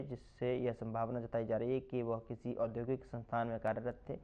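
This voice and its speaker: Emphatic male news voice-over, lo-fi. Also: medium pitch. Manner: emphatic, punchy news read. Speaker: news reporter. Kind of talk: scripted news narration. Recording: slightly muffled lo-fi audio.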